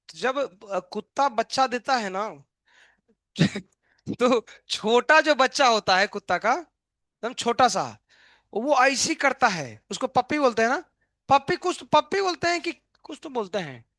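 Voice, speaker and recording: A man's voice: very high voice, animated, a little slow, fairly bright tone, no echo, clean studio sound. A male chemistry teacher, giving a live online lecture in a playful, joking way and asking students questions that he answers himself.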